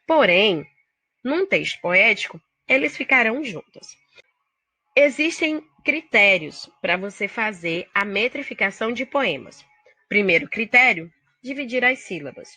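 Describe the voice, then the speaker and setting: A woman's voice: mid-range voice, sing-song, measured pace, sharp tone, no echo. A woman teacher with a Brazilian Portuguese accent, explaining poetry step by step to her students in a recorded video lesson. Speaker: literature teacher.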